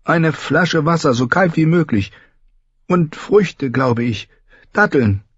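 A young queen, frail after a fever, speaks in a voice pushed high above the reader's own as a man puts her on. It sounds husky and a little muffled. It is a storybook voice. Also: expressive, slow, a bit bright, no echo, full character voice. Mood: commanding, anxious. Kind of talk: audiobook character voice.

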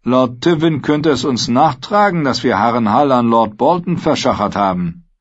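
A man's voice: medium pitch, expressive, moderate pace, voice pushed up, close to an everyday voice. A man voicing a scrawny, greedy male mercenary captain who sounds wary, scheming and slightly threatening, in a dull lo-fi recording.

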